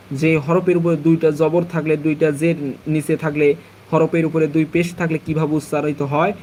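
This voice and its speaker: A man teaching Arabic letter sounds in a live lesson, drilling each syllable slowly and repeating it. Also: a little high, darkish tone, slight background noise. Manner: quick, devout closing remarks full of blessings.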